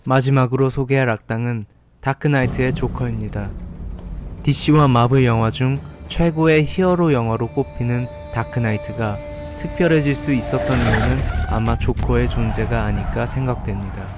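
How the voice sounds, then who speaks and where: A man's voice: medium pitch, normal speed, darkish tone, slight background noise. A man reading a scripted narration as a voice-over for a film ranking video. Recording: voice-over with faint background music. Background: faint music.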